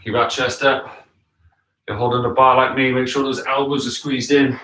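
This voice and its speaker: Barking male gym coach, bright and echoey. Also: medium pitch, little pitch movement, moderate pace. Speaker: fitness coach leading a home workout. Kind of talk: live workout instruction with short commands. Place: living room with wooden floor, indoors. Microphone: camera a few metres away. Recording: echoey room, distant from the mic.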